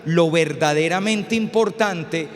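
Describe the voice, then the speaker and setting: High-voiced, slow-talking priest. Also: male voice. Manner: storytelling, acts out scenes, rhetorical questions. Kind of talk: humorous public lecture. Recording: reverberant lecture hall.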